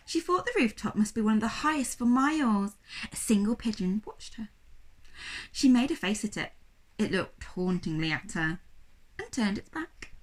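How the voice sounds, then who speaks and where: In a mid-range voice, a woman narrates a children's story with drama and expression, much like a primary school teacher would.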